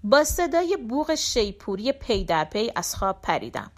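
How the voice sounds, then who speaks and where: A woman reading a short story for an audiobook in a measured, steady storytelling manner. Her voice sits fairly high for a woman. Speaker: audiobook narrator.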